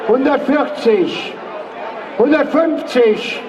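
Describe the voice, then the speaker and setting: A man's voice: very high voice, slow pace. A man working as a live auctioneer, calling and repeating bids as host of an outdoor event. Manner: auctioneer's repeated bid calls and counting. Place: outdoor street event on a public square. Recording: loud noisy crowd, muffled distant outdoor PA. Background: loud crowd and street noise.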